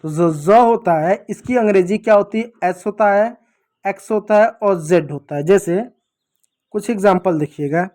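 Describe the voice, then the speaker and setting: A man's voice: high voice, normal speed, darkish tone. A man teaching children English phonics in a classroom lesson, patiently repeating sounds and asking questions that he then answers himself.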